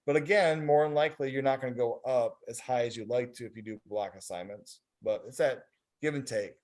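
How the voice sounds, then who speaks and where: His voice is mid-range, a little mellow and brisk as he leads a focus group by video call. He rambles in a relaxed way, leaning heavily on fillers such as "you know."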